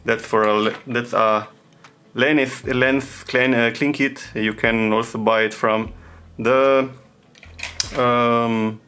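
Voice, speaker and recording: A man with a thick foreign accent, a non-native English speaker, narrating a hands-on tutorial in simple, halting phrases as he searches for words. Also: medium pitch, little pitch movement, sharp tone, slight background noise. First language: not English. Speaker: repair tutorial host.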